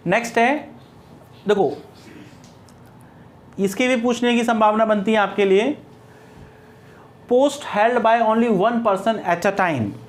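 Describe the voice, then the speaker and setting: A man's voice: high-pitched, slow pace, long pauses. A middle-aged man with an Indian accent teaching English grammar, explaining step by step and answering his own questions. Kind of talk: classroom grammar lecture.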